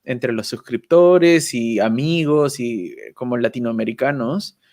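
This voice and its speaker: A man's voice: mid-range voice, animated, unhurried, a little mellow. A man chatting as a guest on a video call, thoughtful and self-deprecating, often ending phrases with a questioning "right?". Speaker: guest YouTuber. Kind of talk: casual chat.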